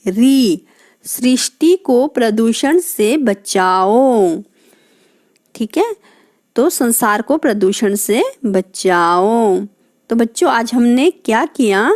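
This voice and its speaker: A woman teaching young children in a recorded lesson, repeating each word slowly and asking them questions as she explains. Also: a little high, darkish tone. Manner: slow, drawn-out repetition of words for children. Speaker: primary school Hindi teacher.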